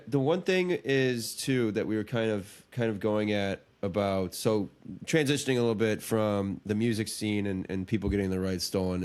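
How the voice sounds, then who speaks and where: A man's voice: on the low side, darkish tone. Rambling, foul-mouthed male podcast host. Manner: rambling, crude and joking, lots of restarts. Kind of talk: casual chat.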